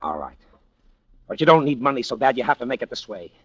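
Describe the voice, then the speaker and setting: A man's voice: medium pitch, very animated, quick pace, fairly bright tone, no echo. An actor playing a cynical, urgent American tough guy, slangy and sardonic, in an old-time radio drama. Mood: tense. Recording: muffled vintage radio recording.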